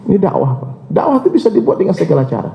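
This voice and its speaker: A man's voice: very animated, rapid-fire, creaky, warm tone, a little hiss or hum. Storytelling male preacher, echoey room. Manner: storytelling, acts out dialogue with shifting pitch. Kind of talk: sermon. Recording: echoey, muffled lecture recording.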